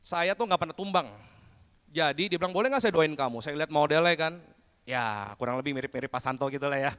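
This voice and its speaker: A man preaching a testimony sermon, telling his story in a lively storytelling way and often addressing listeners directly. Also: fairly high pitch, fairly quick, clear, resonant tone. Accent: Indonesian. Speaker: pastor. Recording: long hall reverb.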